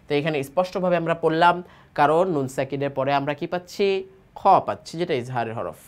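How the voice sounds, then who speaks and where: A man from Bangladesh teaching tajweed. He spells out each letter, drawls the joined words slowly, and asks himself questions that he then answers. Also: fairly high pitch. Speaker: Quran recitation teacher. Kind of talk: tajweed lesson, spelling and reading aloud.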